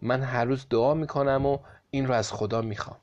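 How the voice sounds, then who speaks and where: A man's voice: medium pitch, fairly even intonation, darkish tone, dull audio, close to an everyday voice. A man voicing a poor, frail old woman who speaks in a bitter, accusing way in a storybook reading.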